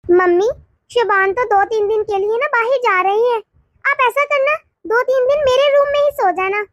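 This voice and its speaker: A woman voicing a brisk, domineering young married woman in a storybook cartoon. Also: extremely high pitch, a bit bright, no room sound, dull audio. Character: bossy young married woman, household head. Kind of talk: animated cartoon dialogue.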